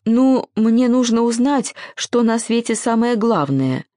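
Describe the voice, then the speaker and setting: A woman voicing a timid, frightened little male hedgehog who answers in hurried, overly polite phrases. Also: medium pitch, expressive, mellow, no room sound, clean studio sound, voice pushed up, natural voice.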